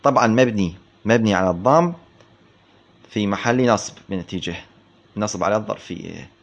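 Man teaching grammar slowly, dull lo-fi sound. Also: fairly low pitch, expressive, creaky. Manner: slow, explanatory, repeats words for emphasis, asks rhetorical questions. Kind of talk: classroom text commentary. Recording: dull lo-fi recording.

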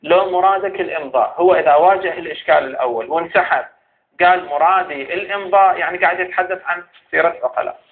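A man's voice: high voice, fast talker. A man with an Iraqi Arabic accent giving a seminary lecture, arguing point by point and posing questions to the scholar he rebuts. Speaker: teacher of Islamic jurisprudence. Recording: tinny phone-like sound.

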